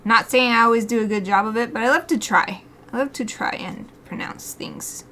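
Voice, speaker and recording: Her voice sits on the high side, sharp in tone, moving at a moderate pace over a slight hiss or hum. She's an American artist drawing on a live stream, talking to herself, laughing, and reading out what her chat says.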